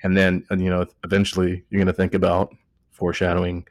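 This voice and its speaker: This time the podcast host speaks fast in a low, monotone voice, recorded studio quality with no echo. A Texan-accented man a few beers in, he's tipsy, jokey, rambling, and self-correcting in a casual joking chat.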